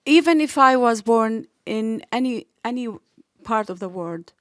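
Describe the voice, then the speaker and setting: A woman's voice: a little high, expressive, measured pace, a bit bright, no room sound, clean studio sound. A woman from Lebanon, giving earnest personal testimony with hesitant fillers.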